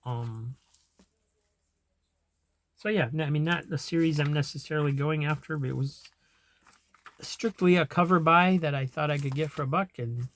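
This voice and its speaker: A man's voice: fairly high pitch, normal speed, pauses often, a bit bright. Rambling, chuckling male vlogger. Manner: rambling, chuckles to himself, trails off. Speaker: comic collector vlogger. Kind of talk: casual chat.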